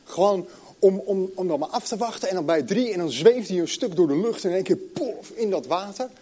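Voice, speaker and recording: Middle-aged male preacher, slightly high voice, slow deliberate scripture reading with pauses. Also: lively intonation, warm tone. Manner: storytelling, then reading scripture slowly with long pauses. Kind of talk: sermon.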